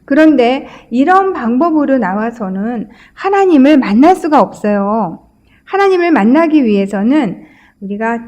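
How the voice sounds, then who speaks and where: A woman's voice: on the high side, a little mellow, lo-fi sound. A woman pastor giving a sermon, telling stories conversationally with frequent filler sounds.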